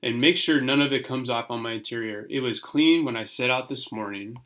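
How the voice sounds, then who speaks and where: A man acts out a sour, grumbling cab driver from a children's storybook. The voice is bright and forceful, full of bitter complaint. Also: medium pitch, brisk, lightly acted.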